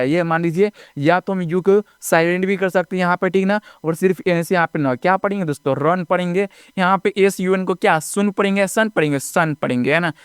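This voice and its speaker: A man teaches English phonics step by step in a classroom-style lesson, spelling words letter by letter and often checking in with "ठीक है ना." His voice is high-pitched, clear and resonant. The recording is clean studio sound with no room echo.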